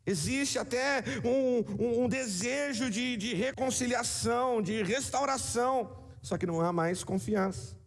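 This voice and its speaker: A man's voice: extremely high pitch, a little slow, long reverb tail. A man with a Brazilian accent, preaching a sermon in a conversational way, with repetitions and asides to the congregation. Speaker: pastor.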